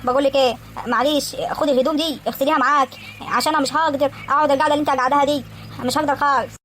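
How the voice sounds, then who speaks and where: A woman's voice: high voice, fairly even intonation, rapid-fire, fairly bright tone, a little hiss or hum. A woman voicing a bossy pregnant stepmother in a cartoon, nagging and ordering the girl around.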